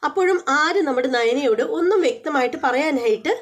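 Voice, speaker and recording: Fast, high-voiced woman recapping a serial. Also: lively intonation. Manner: chatty retelling, repeats filler words, quick self-corrections. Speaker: serial review channel host. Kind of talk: casual episode recap storytelling.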